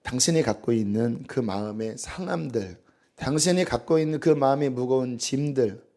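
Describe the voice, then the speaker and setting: A male pastor giving an early-morning church sermon, telling stories with lively acted-out quotes and sometimes dropping to a near whisper. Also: mid-range voice, moderate pace. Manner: animated storytelling, acting out quoted voices, dropping to a hush. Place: church sanctuary.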